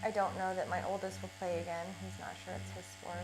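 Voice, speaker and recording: A woman's voice: on the low side, level tone, fast, noisy background. A woman in her thirties, a mother getting tattooed, giving brief, dry answers in casual chat in a tattoo studio. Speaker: tattoo client and guest. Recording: buzzing tattoo machine nearby.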